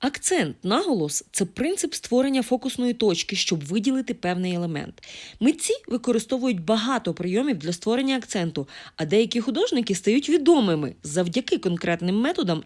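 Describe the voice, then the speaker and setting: A woman from Ukraine explaining design and art principles in a lesson, talking with fillers and quick self-corrections. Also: medium pitch, a little mellow. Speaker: art teacher.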